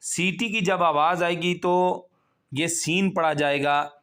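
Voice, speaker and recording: A man teaching Quran recitation, spelling words out slowly syllable by syllable and then explaining the rules briskly. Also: a little high, steady tone, a bit bright, clear, resonant tone. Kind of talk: slow spelled-out tajweed drill with quick explanations.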